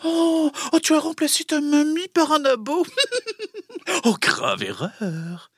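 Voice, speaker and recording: A woman's voice: high-pitched, very animated, takes it slowly, dry recording, clean studio sound, full character voice. A woman playing a boastful evil mad scientist spider who pilots a robot, in a theatrical children's audio story. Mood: gloating, taunting.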